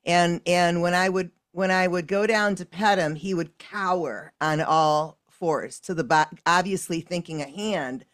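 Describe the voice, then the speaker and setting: A woman's voice: fairly low pitch, measured pace, few pauses, no room sound, studio quality. A woman hosting an interview, chatting casually and telling her own pet anecdotes with fillers. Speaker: interview host.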